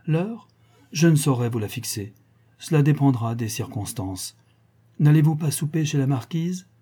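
A man's voice: fairly high pitch, lively intonation, normal speed, dark tone, slightly rough, pitched above the performer's own voice. A man reading the part of a sly, teasing aristocratic count with an ironic, amused manner.

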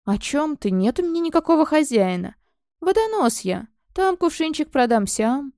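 A woman's voice: high-pitched, big pitch swings, warm tone, no echo, clean studio sound, voice pushed up. A woman voicing a fawning, snake-like male servant who hisses and wheedles in an audiobook. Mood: wheedling. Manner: hissing, wheedling, drawn-out.

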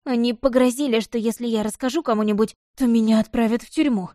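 A woman's voice: a little high, fairly even intonation, fast, dark tone, no echo, studio quality, natural voice. A woman reading an audiobook voices a thin, frightened male footman who stammers and begs his master for mercy. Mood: fearful pleading. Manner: pleading, stammering, fearful.

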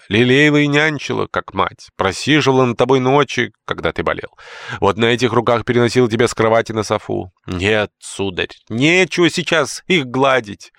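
A man voicing an indignant, fussy older woman who is a housekeeper and nanny, scolding and pleading in a shrill way. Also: dry recording.

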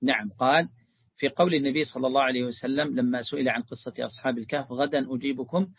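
A man's voice: medium pitch, fairly even intonation, rapid-fire, breathy edge, no room sound, lo-fi sound. A man teaching a religious lesson, explaining a text and calling his students his beloved ones.

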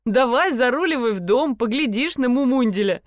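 A woman voicing a brash, crude, squabbling rich blonde woman who talks in loud, shrill, slangy outbursts. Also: lively intonation, moderate pace, no room sound, studio quality, natural voice. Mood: bossy.

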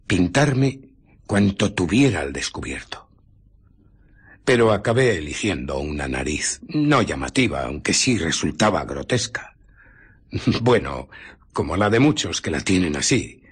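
A man with a Castilian Spanish accent playing an arrogant, amoral scientist who justifies himself in a radio drama, in a theatrical, deliberate storytelling manner. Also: sits low, very animated, husky, exaggerated voice. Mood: wry, recounting. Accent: Spain.

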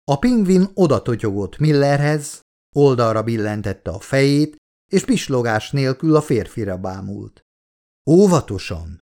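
A man reads an audiobook aloud in a measured, steady way. His voice sits at an ordinary middle pitch. His reading lifts as the story gets tense. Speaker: audiobook narrator. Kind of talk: scripted narration.

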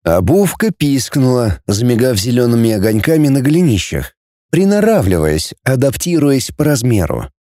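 A man narrates a storybook in a warm, mellow voice. His intonation is lively and expressive, and his pacing is measured. The recording is close and dry, with no room sound. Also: medium pitch, no room sound. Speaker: audiobook narrator. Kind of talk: audiobook reading.

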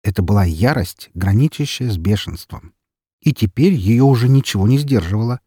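Husky-voiced man reading an audiobook. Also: fairly low pitch, moderate pace, dry recording. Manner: calm, dry, ironic. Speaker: audiobook narrator. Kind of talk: first-person audiobook narration.

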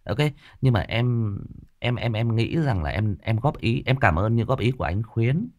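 A man's voice: medium pitch, animated, normal speed, muffled recording. A man with a Northern Vietnamese accent, an audiobook narrator speaking off the cuff and defensively to a critical listener, with many fillers and restarts. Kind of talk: unscripted direct address to a commenter.

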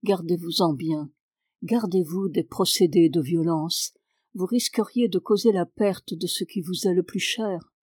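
A woman reading the part of a calm, authoritative man who speaks softly and with pity, in an audiobook. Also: mid-range voice, no echo, clean studio sound, lightly acted. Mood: gentle. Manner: soft, measured, compassionate.

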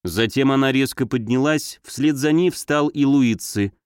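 A man narrating a novel in a measured, steady reading. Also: mid-range voice, clear, resonant tone, no echo, clean studio sound. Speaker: audiobook narrator.

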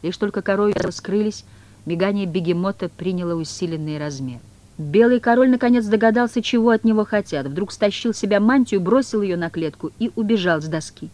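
A woman narrating an audiobook in an expressive, dramatic reading style. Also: mid-range voice, fairly quick. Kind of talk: scripted literary narration.

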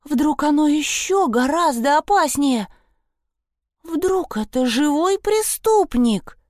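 A woman's voice: sits high, lively intonation, takes it slowly, darkish tone, no room sound, clean studio sound, voice pushed up. A woman narrator voicing a timid, anxious young girl who frets and pleads. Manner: fearful, pleading.

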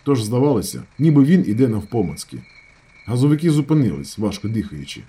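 A man reading a novel aloud as an audiobook narrator, with expressive, dramatic storytelling. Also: medium pitch, quick pace, husky.

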